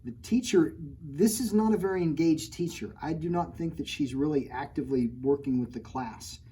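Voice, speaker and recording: At a storytime read-aloud, a man shares his own picture book with children, cracking jokes and pretending to be outraged by what he wrote. His voice is fairly high, dark and slightly rough, at a moderate pace, and the recording is rough.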